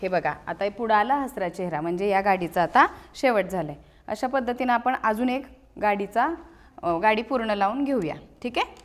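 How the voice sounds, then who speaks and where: A woman's voice: mid-range voice, normal speed. A woman teacher with a Marathi accent, showing a classroom teaching aid, who patiently asks questions and repeats the answers.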